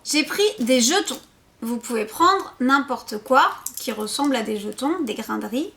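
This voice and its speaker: A woman, a preschool teacher, patiently explaining a syllable game to parents, repeating words and sounding out syllables slowly. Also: a little high, expressive, vocal fry, fairly bright tone.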